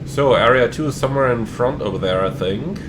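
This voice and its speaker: A man's voice: medium pitch, lively intonation, fairly quick. Male pilot host for flight sim commentary and procedural callouts, mid-range voice, slight cabin hum underneath. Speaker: airline pilot and flight simulator streamer. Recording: faint cockpit hum behind voice.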